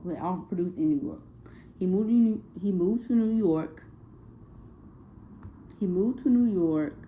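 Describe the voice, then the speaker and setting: A young woman talks through a class music project in a low voice. She hesitates, fills gaps with "um" and "like," and keeps correcting herself. The recording is tinny and phone-like, with a faint hiss underneath. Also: normal speed. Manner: hesitant, many fillers and self-corrections. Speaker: student presenting a music project. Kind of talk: casual spoken class presentation.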